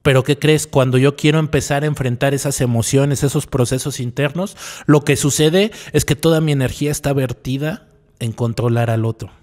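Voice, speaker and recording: A male psychologist with a medium-pitched, darkish voice speaks at normal speed in a reflective radio talk. Along the way he tosses rhetorical questions at the listener, repeats key phrases and adds "¿no?" to his lines.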